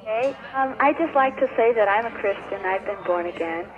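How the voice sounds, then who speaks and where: A man's voice: sits high, expressive, normal speed. A man calling in to a radio talk show over a clipped phone line, talking earnestly and rambling with many fillers. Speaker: radio call-in caller. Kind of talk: casual call-in chat.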